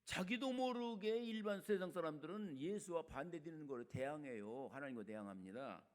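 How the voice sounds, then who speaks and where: An older man preaching a sermon as a retired senior pastor, colloquial and chatty, swinging between loud emphatic lines and quiet asides. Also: fairly high pitch, expressive, normal speed.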